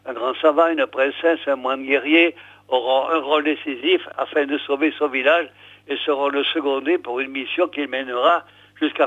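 An older radio host reads a book aloud on his show in a medium-pitched voice, hesitating often with "alors" and "euh." The sound is dry and tinny, like radio over a phone, with no echo.

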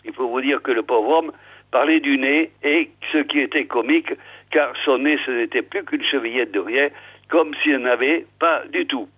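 A man's voice: medium pitch, moderate pace, slightly rough. A man telling a folksy village tale, chatting to his listeners directly. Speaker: storyteller. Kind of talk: folksy oral storytelling. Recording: tinny phone-like old recording.

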